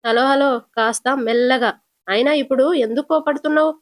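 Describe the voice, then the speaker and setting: A woman's voice: high voice, brisk, no room sound, studio quality, close to an everyday voice. A woman voicing a blunt, teasing young male cab driver while retelling a serial episode, firing probing questions. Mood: prying.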